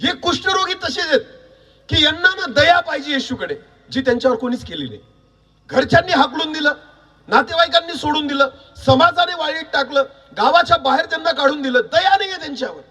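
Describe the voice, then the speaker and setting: A man preaching a sermon, quizzing the congregation with repeated questions and building to shouts. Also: very high-pitched, lively intonation, a little fast, distant mic. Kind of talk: sermon with call-and-response.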